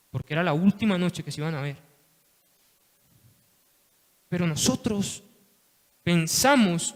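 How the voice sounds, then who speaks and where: High-voiced preaching man in a reverberant hall. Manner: impassioned, repeats "hermanos" and "¿sí?" often. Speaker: lay preacher. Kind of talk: sermon. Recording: long reverb of a church hall.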